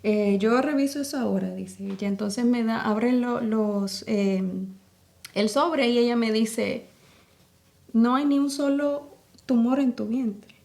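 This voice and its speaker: A woman's voice: fairly high pitch, slow, vocal fry, darkish tone. A woman with a Salvadoran accent, a podcast guest earnestly telling a personal faith testimony and acting out the dialogue of the scenes she retells. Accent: Salvadoran Spanish.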